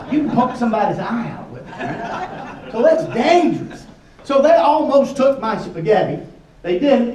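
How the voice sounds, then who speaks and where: A man, a folksy, joking presenter casually explaining a challenge to a group and repeating his questions. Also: high-pitched. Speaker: workshop presenter. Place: large echoey indoor room with a group. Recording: echoey room, picked up from a distance.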